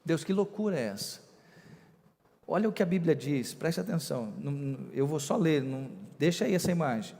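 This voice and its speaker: A man, a bishop preaching a sermon with emphatic, drawn-out stresses on key words. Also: on the high side, expressive, vocal fry, warm tone, long reverb tail.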